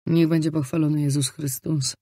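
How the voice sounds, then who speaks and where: A woman's voice: deep voice, steady tone, normal speed, dark tone, no room sound, studio quality. A woman voicing a polite young man, the narrator's fiancé, who sounds a little taken aback. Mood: earnest.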